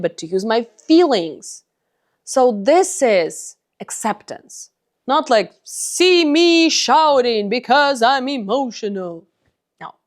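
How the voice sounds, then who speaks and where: A woman giving a motivational self-help talk, speaking earnestly and directly to the viewer as a coach. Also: mid-range voice.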